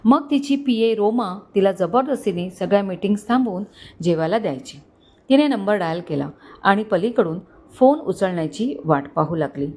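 A woman's voice: mid-range voice, lively intonation, normal speed, darkish tone. A woman with a Marathi accent narrating an emotional family story and voicing its characters. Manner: voices dialogue of the characters.

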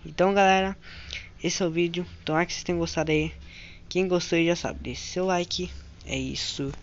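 A man with a Brazilian Portuguese accent doing let's-play commentary, excitably narrating his own moves to viewers and repeating phrases over and over. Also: high-pitched, normal speed, muffled recording, a little hiss or hum. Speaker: gaming channel host.

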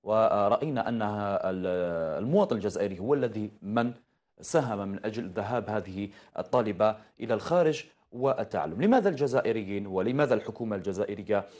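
A man's voice: lowish voice, expressive, fast talker, a little mellow. A man interviewing a guest on a TV news channel, asking hesitant questions padded with fillers and giving frequent short acknowledgements. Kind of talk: TV studio interview.

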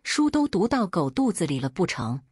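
Hypocritical elder brother , read by a woman, reproachful, husky. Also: fairly low pitch, sing-song, moderate pace, a little mellow, dry recording, studio quality. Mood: scolding.

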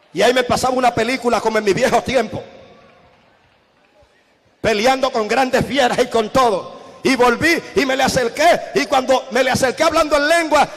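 A man preaching an impassioned sermon, telling his story and repeating phrases as he builds to shouted exhortations. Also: very high-pitched, in a large hall. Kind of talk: fiery sermon.

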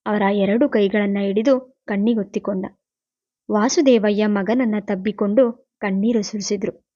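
A woman narrating a novel as an audiobook, in a steady, even storytelling manner. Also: medium pitch, no echo, muffled recording. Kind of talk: novel reading.

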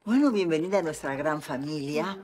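An actress playing a composed, faintly aloof restaurant owner. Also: female voice, low voice, animated, moderate pace, darkish tone, a little hiss or hum. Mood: poised. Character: cool, poised woman restaurant owner.

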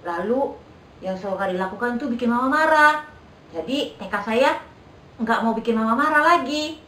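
Female Sunday school teacher, patient, coaxing. Bright, crisp voice. Recorded in an echoey room with faint background noise. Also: on the high side, expressive, normal speed, distant mic. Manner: patient, coaxing, checks in with kids often. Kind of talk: children's lesson over video. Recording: echoey room, voice a bit off-mic.

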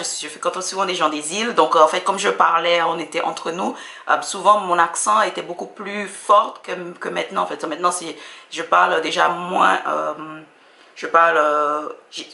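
A woman with a Caribbean French accent comments casually, full of chatty, self-mocking asides. Her voice is bright and forceful with a gravelly edge. The room around her is echoey. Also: fairly low pitch. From Dominica. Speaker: vlogger reacting to her old video.

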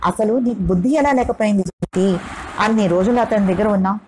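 A woman's voice: medium pitch, brisk, darkish tone, a little hiss or hum, natural voice, low-quality recording. Woman voicing a frank, teasing young woman. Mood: scolding.

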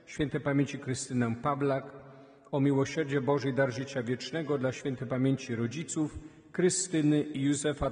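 A male priest reads scripture and intentions in an even, measured liturgical cadence. His voice sits at a middle pitch. The sound carries a long reverb from a large church. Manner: steady liturgical reading. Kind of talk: reading the Gospel and leading prayers at Mass.

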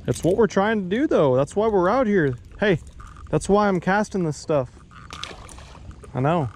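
A man's voice: high voice, lively intonation, a little slow, a little hiss or hum. Man, thirties, fishing vlogger, self-mocking, action-camera sound outdoors, light water ambience. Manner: chatty, talks to his dog, self-mocking. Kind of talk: casual running commentary. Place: outdoors on a bass boat on a lake. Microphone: action camera on the boat.

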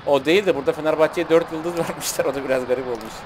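A man streaming a football video game, giving casual, excitable commentary and talking to the game and his chat. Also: a little high, racing, noisy background. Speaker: gaming streamer.

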